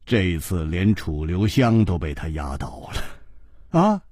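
A man narrating a martial-arts story in a lively, unhurried storytelling style. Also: sits low, no room sound. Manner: lively, wide-ranging, unhurried delivery. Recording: dry close studio radio recording.

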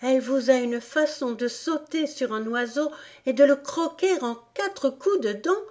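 A woman's voice: expressive, measured pace, a little mellow. A woman voicing a polite, dreamy young girl in a storybook, eager and pleading. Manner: eager, pleading, higher than her narration.

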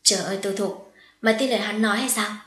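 A woman's voice: mid-range voice, steady tone, fast talker, a bit bright, echoey room, close to an everyday voice. A woman voicing a hurt young woman who speaks in a firm, cutting way. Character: wounded young woman, calm but fierce.

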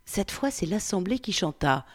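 A woman reading the part of a 47-year-old Frenchman, reciting in a slow, hushed, meditative way. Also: medium pitch, sing-song. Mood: contemplative. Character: 47-year-old French man, pondering who he is. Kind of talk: reading a novel aloud.

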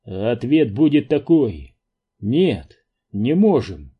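A man voicing a weary male driver who explains things flatly and bluntly. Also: medium pitch, slow, slightly rough, lo-fi sound, full character voice. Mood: grim.

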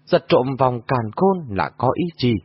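A man's voice: mid-range voice, big pitch swings, a little slow, breathy edge, no room sound. A man voicing a stern young hero. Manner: questioning, stern. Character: young male hero swordsman, composed. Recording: dull lo-fi audio.

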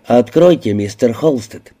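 A tough detective firing blunt, menacing questions in a dark, warm, mid-pitched voice, as a male audiobook reader acts him. Threat sits under every line. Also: lively intonation, a little slow. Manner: blunt, menacing, shouting at times. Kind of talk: audiobook character voicing.

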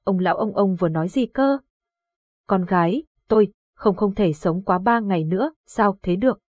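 A woman reading the lines of a grieving old village father in a horror audiobook, with a husky voice. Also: medium pitch, normal speed, no room sound, dull audio, natural voice. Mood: panicked. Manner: pleading, distraught.

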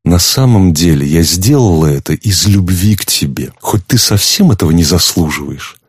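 A man's voice: deep voice, expressive, normal speed, breathy edge, dry recording, clean studio sound. A man reading an audiobook, voicing a stern, shrewd wife who speaks firmly and reproachfully. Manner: firm, cutting, reproachful. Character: stern shrewd wife, woman, coldly in control.

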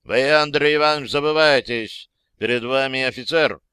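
A man's voice: mid-range voice, a little slow, a bit bright, smooth, no echo, lightly acted. A man voicing a proud, stern army lieutenant who commands his men, curt and commanding, read in an audiobook. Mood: haughty.

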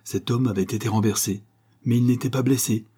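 A man's voice: medium pitch, fairly even intonation, a little fast, mellow, husky, pitched above the performer's own voice. A man reading a grave solemn doctor. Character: grave learned male doctor, solemn and stern. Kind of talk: audiobook character reading.

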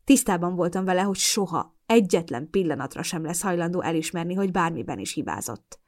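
A woman reading a first-person novel aloud as an audiobook, with expressive, emotional storytelling. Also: on the low side. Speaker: audiobook narrator.

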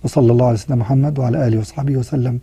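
A man with an Egyptian accent teaching Quran recitation rules, mixing formal Arabic with colloquial asides and chanting the verse examples slowly. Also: mid-range voice, fairly even intonation, mellow, husky, no room sound. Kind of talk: tajweed lesson with recited examples.

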